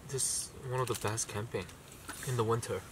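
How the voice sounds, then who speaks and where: A man's voice: mid-range voice, fairly even intonation, a little fast. A young man making dry, wry remarks in casual chat inside a small winter tent. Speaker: co-host husband. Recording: distant voice with loud noise.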